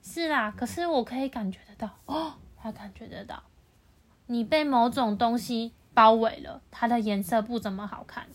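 A woman's voice: on the high side, moderate pace. A woman reading a picture book aloud to a child, patiently explaining and asking the child questions.

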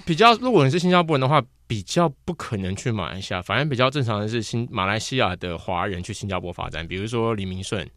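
A young man from Taiwan, a guest on a casual podcast chat, telling animated stories about his acting past. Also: fairly low pitch, fast talker, hardly any pauses, no room sound, clean studio sound. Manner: animated storyteller who slips into mimicked voices.

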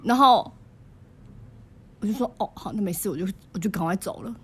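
A woman's voice: medium pitch, brisk, slight background noise. A woman co-hosting a casual podcast, telling a short story and asking brief questions of her co-host. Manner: listener who prompts with short questions and back-channel sounds. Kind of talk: casual chat.

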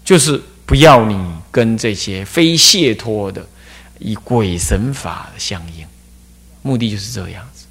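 A man giving a Buddhist dharma talk as abbot, telling stories with lively rhetorical questions. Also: fairly low pitch, unhurried, slightly rough. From Taiwan. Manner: animated storytelling with rhetorical questions.

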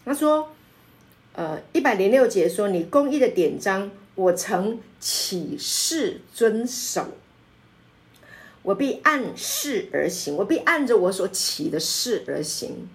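Animated woman pastor leading Bible study. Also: mid-range voice, takes it slowly. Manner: emphatic, animated, many filler sounds; laughs often while explaining.

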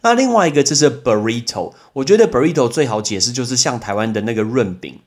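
A man's voice: mid-range voice, expressive, fast, a little mellow. A young man hosts a casual English vocabulary lesson, chatting and explaining with everyday examples. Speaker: podcast host and English teacher.

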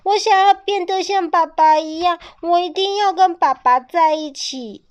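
女声扮演的黏人的甲龙宝宝. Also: female voice, measured pace, highs cut off. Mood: tearful. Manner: high childlike pleading. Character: little baby ankylosaur, sweet, clingy, eager.

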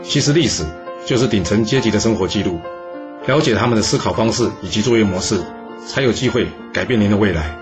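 A man's voice: fairly low pitch, fast. A man closing his storytelling podcast, addressing listeners in a friendly way. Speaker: podcast host. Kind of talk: podcast outro. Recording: dull lo-fi with music behind.

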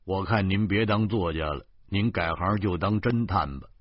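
A man's voice: low-pitched, moderate pace, no echo, highs cut off. A man voicing an easygoing older male beat cop, near retirement, who jokes and chats. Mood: teasing. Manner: joking, chatty.

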